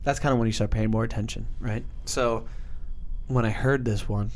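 A man's voice: fairly low pitch, fairly even intonation, normal speed, slight background noise. A man with a congested, nasal voice from a stuffy nose, chatting casually as a podcast co-host. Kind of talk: casual chat.

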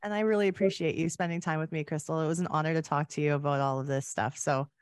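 A Canadian woman with a low, steady, smooth voice talks fast while hosting her podcast. She and her guest share a casual, conversational interview.

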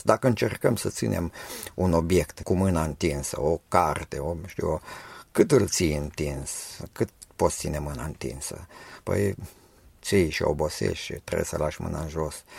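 Earnest male preacher, very low voice, husky, dry close sound. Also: no echo. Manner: earnest and exhortative. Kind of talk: sermon.

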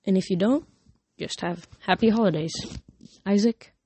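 A man's voice: high-pitched, normal speed, darkish tone, slightly rough, no echo. A young man reading a novel aloud, with casual, slightly rambling asides between chapters. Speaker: reader of a novel.

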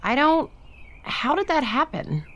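A woman's voice: sits high, big pitch swings, a little slow, fairly bright tone, full character voice. A woman playing a breezy but probing, suspicious mother in an audio drama.

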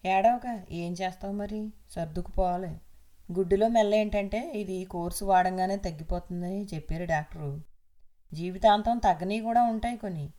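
Woman reading as elderly grandfather, gentle, resigned, soft consoling tone, audio novel. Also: medium pitch, normal speed, lightly acted.

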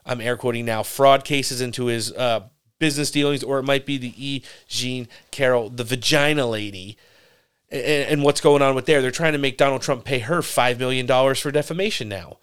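A man's voice: medium pitch, a little fast, clean tone. A man co-hosting a podcast, giving brash, opinionated political commentary and swearing freely. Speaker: podcast co-host.

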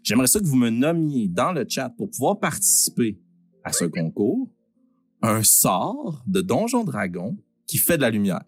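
Casting: male Québécois giveaway host, booming prize announcer, joking and casual, swooping intonation over background music. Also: big pitch swings, normal speed, slightly rough. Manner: informal, joking, swearing. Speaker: host of a live-streamed prize draw. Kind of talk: animated live giveaway hosting.

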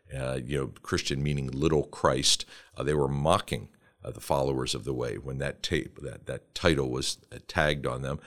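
Very deep-voiced male podcast host. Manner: measured, formal, preacherly phrasing. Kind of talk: podcast interview.

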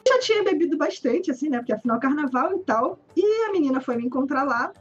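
A woman with a high voice and a Brazilian Portuguese accent tells a story as a podcast guest. She is animated and pokes fun at herself. The sound is dull and a little lo-fi. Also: quick pace, faint music behind. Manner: animated, self-mocking, laughs often. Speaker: podcast guest, comics artist. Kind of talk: casual storytelling.

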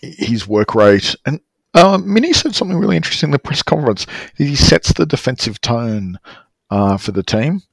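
An Australian man co-hosting a casual sports discussion over an online call, speaking haltingly and often restarting his sentences. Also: mid-range voice, big pitch swings, vocal fry, no echo. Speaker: sports podcast co-host. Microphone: online call microphone.

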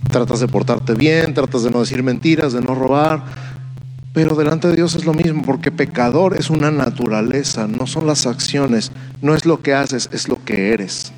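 A man preaching as a pastor, speaking in earnest, repetitive and slowly emphasized phrases during a church service sermon. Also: mid-range voice, music in the background. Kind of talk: sermon with altar call prayer. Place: church service, streamed online.

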